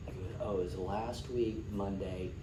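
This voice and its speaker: A man with a fairly low voice teaches a class in a casual way, repeating short phrases and pausing to check understanding. He is picked up from a distance in an echoey room, with clear noise behind him. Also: fairly even intonation. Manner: patient, repeats key words, checks understanding. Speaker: sign language class teacher. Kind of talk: informal classroom instruction. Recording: roomy, distant mic with clear background noise.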